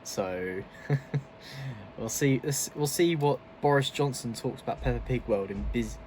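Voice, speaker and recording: Guy doing casual reaction commentary, chatty, mid pitch, faint noise behind. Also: a little slow, darkish tone. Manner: chatty and laughing often, loose asides. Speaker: video host.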